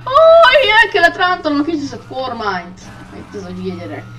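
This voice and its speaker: A woman giving let's play commentary on a racing game, excitable and often shrieking at crashes, talking loudly into a poor microphone. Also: sits high, faint music behind. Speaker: gamer. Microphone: poor gaming mic, speaking loudly into it. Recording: distant mic with faint noise.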